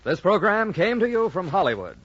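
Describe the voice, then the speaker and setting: A formal American male announcer with a slightly high, very animated voice. He reads his script in old-time radio style, on a dull vintage recording with music in the background. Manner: formal, measured diction. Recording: old muffled radio broadcast, faint music.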